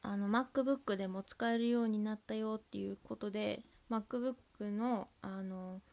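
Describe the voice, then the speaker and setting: A woman with a Tohoku accent chats on her own podcast in a soft, meandering way, full of fillers and little whispered asides. Her voice sits in an ordinary middle pitch. She records at home through a laptop's built-in mic. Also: steady tone, unhurried, vocal fry. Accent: Tohoku Japanese. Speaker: podcast host. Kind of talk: casual solo radio chat. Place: at home by an open window.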